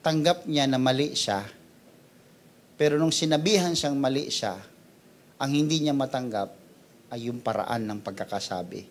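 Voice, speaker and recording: A male pastor with a Filipino accent preaching a sermon in a mix of Tagalog and English. He teases his listeners playfully, swings up loud and high to stress a point, then drops to quiet asides. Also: normal speed, pauses often, slight background noise. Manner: switches between Tagalog and English, playful and teasing.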